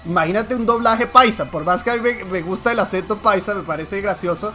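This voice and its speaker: A man's voice: sits high, fairly quick, fairly bright tone. A Colombian man hosting a podcast live on a stream, talking casually and animatedly, dropping swear words and restarting his sentences. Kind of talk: casual chat. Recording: faint background music.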